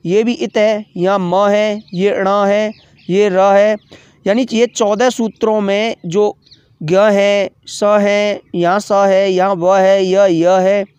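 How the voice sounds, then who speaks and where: Slow, patient grammar teacher. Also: medium pitch, little pitch movement, a little mellow, clean tone, dry recording, dull audio. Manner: asks rhetorical questions, then answers them; repeats key terms patiently. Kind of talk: online grammar lesson, explaining from a screen.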